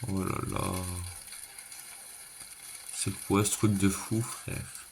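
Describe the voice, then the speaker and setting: A reaction video creator speaks very slowly in a fairly low, flat voice, giving casual, slangy commentary as he thinks aloud and repeats himself. The background is clearly noisy.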